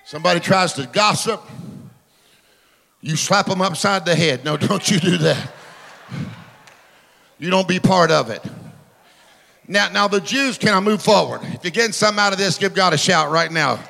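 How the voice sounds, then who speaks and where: A middle-aged man preaching a charismatic sermon in a church, shouting declarations in chanted, repeated phrases. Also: high voice, lively intonation, normal speed, gravelly, long pauses, big-room sound. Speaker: pastor. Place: church hall with congregation.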